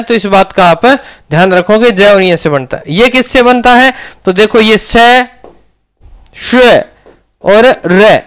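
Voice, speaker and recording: A man's voice: high-pitched, fairly bright tone, clean tone. A man with a Rajasthani Hindi accent teaching a grammar lesson, often asking questions and answering them himself.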